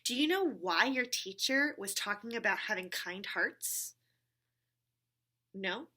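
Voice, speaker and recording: Talking slowly and animatedly at a medium pitch with a sharp edge, a woman hosts children's story time at church. She speaks simply and encouragingly to her puppet friend, asking frequent check-in questions for the young listeners.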